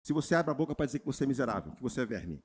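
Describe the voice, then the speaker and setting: Animated Brazilian man preaching. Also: racing, slight background noise. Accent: Brazilian Portuguese. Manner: animated preaching, mimics congregants in high voices, asks crowd for response. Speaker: pastor. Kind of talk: sermon. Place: church retreat service.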